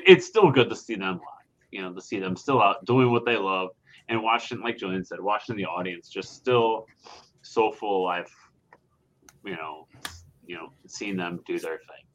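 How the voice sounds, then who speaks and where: A man chatting casually on a podcast panel in an easygoing, halting way, with lots of fillers. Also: deep voice, fairly bright tone, lo-fi sound. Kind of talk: casual chat.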